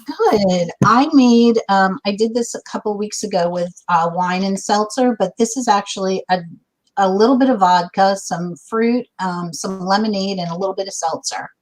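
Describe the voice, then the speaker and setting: A woman's voice: mid-range voice, moderate pace, poor audio. Gushy chatty woman in her 50s hosting a live video chat, lots of ums. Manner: bubbly, effusive, chatty with fillers. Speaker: host. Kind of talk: casual livestream chat.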